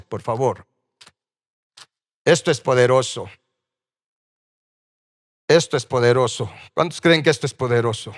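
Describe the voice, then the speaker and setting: A man's voice: sits high, fairly bright tone. A man preaching a sermon as pastor, asking his congregation questions as he goes. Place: church sanctuary. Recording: church hall reverb.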